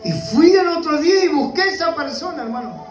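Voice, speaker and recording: Impassioned Rioplatense pastor, high and echoey. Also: male voice, animated, brisk, over music. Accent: Rioplatense Spanish. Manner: impassioned preaching, repeatedly addressing the listener as brother. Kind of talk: sermon. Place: church.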